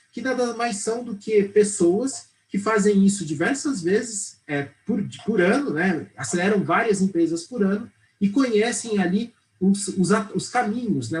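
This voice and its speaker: A man's voice: sits high, a little mellow, low-quality recording. A middle-aged Brazilian man, a startup accelerator head, explaining fluently in a TV studio interview, tagging his sentences with "né" and "tá". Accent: Brazilian Portuguese. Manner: fluent, explanatory, frequent "né" and "tá" tags.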